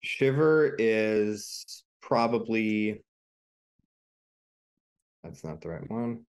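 A man narrating a tabletop game as game master. His voice sits low and he speaks slowly. He gives his rulings in a measured way, often with hedges. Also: animated, smooth.

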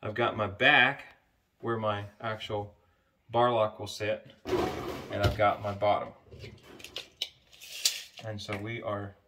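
Working in a large warehouse workshop, this HVAC sheet metal tradesman talks through a hands-on task off the cuff, in brief bursts. He speaks slowly and flatly in a fairly low voice, leaving long pauses. Clanking metal, clicks and heavy workshop noise run through the clip.

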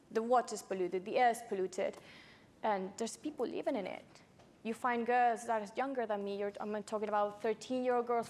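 Using a lapel mic on an indoor panel stage, a nineteen-year-old youth climate activist from Santiago, Chile, tells a personal story in a conversational way. She speaks Spanish natively, has a Chilean accent, and her voice is medium in pitch.

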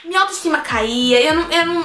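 A woman's voice: high-pitched, animated, quick pace, noisy background. An eighteen-year-old woman, telling a personal story in a chatty vlog and speaking straight to her viewers. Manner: chatty, addresses viewers directly, earnest. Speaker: vlogger. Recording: roomy echo with faint music.

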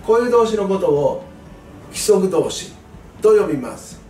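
A man tutoring exam students in English grammar, patient and clear, stressing key words with a rise in pitch. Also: animated, normal speed, dark tone, distant mic, slight background noise. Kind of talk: lesson explaining grammar. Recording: echoey room, voice away from mic, faint music.

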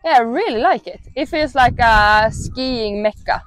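A young woman with a Swedish accent, a native Swedish speaker, giving relaxed, halting interview answers full of fillers, outdoors on a lapel mic. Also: fairly high pitch, dry recording. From Sweden. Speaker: athlete interviewee. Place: outdoors in a grassy mountain meadow.

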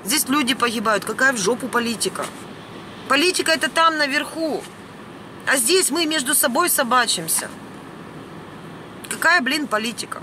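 In a high, expressive voice at a moderate pace, broken by long pauses, a woman from Ukraine delivers an unscripted, indignant vlog rant. She's blunt and emphatic, peppering it with mild swearing. The setting is a noisy van cabin, parked or moving, and her camera is about an arm's length from her.

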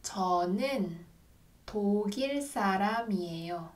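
Slow, careful woman teaching phrases. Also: mid-range voice, expressive. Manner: very slow, deliberate model phrases for repeating. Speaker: language teacher. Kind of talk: slow, clearly articulated lesson drills.

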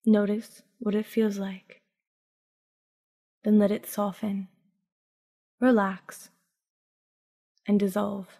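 Very slow, soothing woman sleep story narrator. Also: medium pitch, gravelly. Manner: calm, unhurried, soft-spoken with long pauses, like a sleep story narrator. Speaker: guided meditation narrator. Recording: long reverberant tail on voice.

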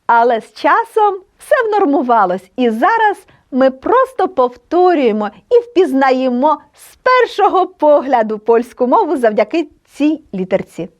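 A woman teaching a language lesson online, explaining patiently and sounding out letters and words clearly. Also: high voice, big pitch swings, unhurried.

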